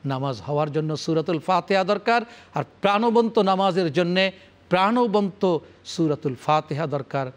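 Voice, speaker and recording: A man's voice: high voice, animated, normal speed. A man giving a televised religious lecture on the Quran. He recites Arabic verses and explains them in formal, rhythmic, repeated phrases, addressing his audience solemnly. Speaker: Islamic scholar presenting Quran commentary.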